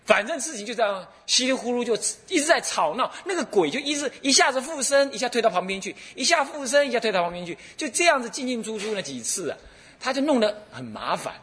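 Very high-pitched and fast-talking, a middle-aged Buddhist abbot with a Taiwanese Mandarin accent fills his dharma talk with stories. He tells them with animation, breaking into laughter and acting out the dialogue.

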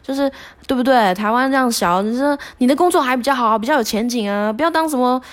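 A woman's voice: sits high, quick pace, pitched above the performer's own voice, lightly acted. Woman putting on a jolly male flight instructor. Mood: teasing. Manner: jolly, coaxing, teasing. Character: cheerful chatty male paragliding instructor.

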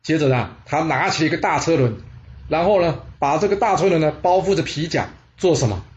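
A man's voice: on the high side, animated, fairly quick, dull audio. A man telling a historical war story dramatically, with exclamations and rhetorical questions.

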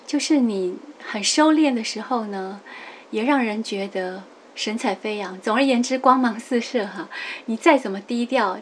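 A middle-aged woman gives a patient, lively lecture on classical poetry at a moderate pitch. She slows right down to read each verse and softens her explanations with a little "ha". A faint hiss runs under the recording. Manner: lively, explains patiently, ends many phrases with a soft "ha"; reads quoted verses slowly and with emphasis.

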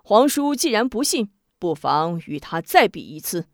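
A woman storyteller voicing a shrewd, lively male emperor who speaks in a commanding yet amused way. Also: medium pitch, moderate pace, dry recording, clean studio sound. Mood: regal, amused.

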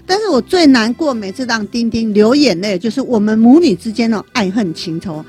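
Lively Taiwanese woman hosting a podcast. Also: fairly high pitch, a little fast, faint music behind. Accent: Taiwanese Mandarin. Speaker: podcast host. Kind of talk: casual chat.

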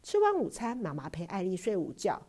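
A woman reading a children's storybook aloud, expressive and clear. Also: medium pitch, fairly quick. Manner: expressive, warm-paced storytelling.

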